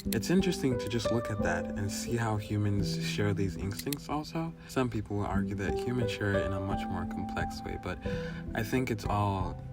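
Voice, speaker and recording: Over guitar music in the background, a Nigerian man in his twenties, a vlogger, delivers a thoughtful personal video monologue, often checking in with "right?". His voice is fairly low and moves at a normal speed.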